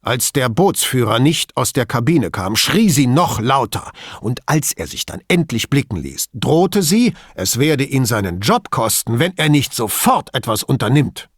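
A pompous police chief, voiced by a man reading an audiobook, pushes every point with indignant emphasis. His husky voice leaps around in pitch, and the recording is close and dry. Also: big pitch swings, unhurried, few pauses, dry recording.

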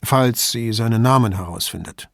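A man reading an audiobook, voicing a firm, dryly ironic male police commissioner giving brisk instructions. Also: mid-range voice, vocal fry, fairly bright tone, no room sound, studio quality.

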